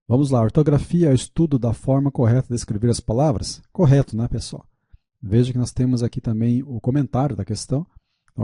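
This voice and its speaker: A man with a Brazilian Portuguese accent hosting a relaxed screen-recorded tutorial, talking viewers through each click. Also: medium pitch, slightly rough, no echo, studio quality. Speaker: teacher and channel host.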